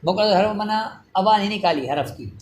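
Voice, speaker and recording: High-voiced man teaching grammar. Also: expressive, slight background noise. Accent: Pakistani Urdu. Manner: repeats each phrase, checks students follow. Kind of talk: classroom lecture.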